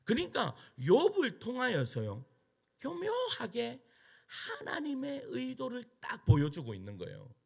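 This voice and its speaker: A man's voice: very high-pitched, huge pitch swings, unhurried, vocal fry, slightly rough. A middle-aged man, a pastor preaching a sermon, pressing the congregation with rhetorical questions and answering them himself. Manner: emphatic preaching with rhetorical questions and call-and-response.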